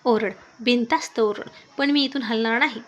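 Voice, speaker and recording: A woman's voice: fairly high pitch, moderate pace, lo-fi sound, natural voice. Woman voicing a teasing young husband. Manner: teasing, mocking. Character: teasing male professor husband, cocky and playful.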